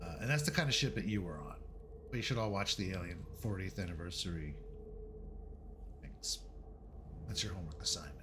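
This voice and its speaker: A man's voice: sits low, lively intonation, fairly quick, pauses often, noisy background. A man running a tabletop game as game master, talking casually and rambling, with some swearing.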